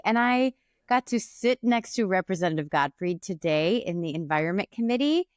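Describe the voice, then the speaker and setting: A woman co-hosting a casual political podcast, telling stories in a lively way. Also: mid-range voice, clear, resonant tone, no room sound, studio quality. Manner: lively storyteller, laughs easily. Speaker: podcast co-host and state lawmaker.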